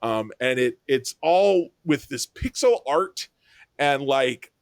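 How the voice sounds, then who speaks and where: A man's voice: medium pitch, expressive, slow pace, dry recording, clean studio sound. A man co-hosting a sports podcast, explaining things in a rambling casual way with many ums and restarts. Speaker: podcast co-host. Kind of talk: casual chat.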